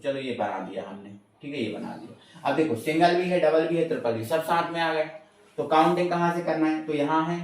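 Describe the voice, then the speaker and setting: A male chemistry teacher, recorded far from the mic in an echoey space, gives an informal classroom-style lesson in a medium-pitched voice. He repeats questions and answers them himself, calls students beta and bhaiya, and reassures them not to worry.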